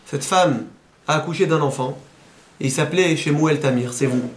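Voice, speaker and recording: A man, a rabbi, giving a sermon and telling a story with lively, animated delivery. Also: normal speed, roomy sound, background noise. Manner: animated storyteller, voices quoted speakers, rises high at emotional peaks.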